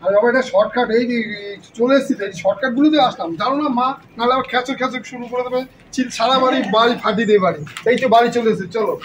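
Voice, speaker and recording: A man's voice: extremely high pitch, a bit bright, a little hiss or hum. A man playing a young husband who hurries and coaxes his wife, nervous about his mother, in a comic family skit. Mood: coaxing. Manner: hurried, coaxing. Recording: echoey room, voice from a distance.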